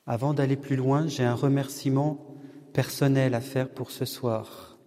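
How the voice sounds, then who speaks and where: Slow-spoken man leading a parish evening. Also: mid-range voice, little pitch movement. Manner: slow, measured and gently humorous. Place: church or parish hall with long reverb. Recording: long hall reverb, distant room mic.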